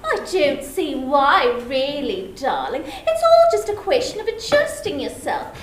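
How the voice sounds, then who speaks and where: A woman voicing the playful ghost of a dead wife, coaxing and airy, in a stage play audio drama recorded in an echoey room with steady noise. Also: high voice, a little slow, exaggerated voice. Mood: teasing.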